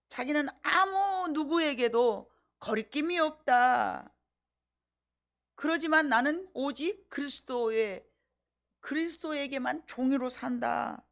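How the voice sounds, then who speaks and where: A middle-aged woman pastor preaching a sermon with emphasis, often asking the congregation rhetorical questions. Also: high voice.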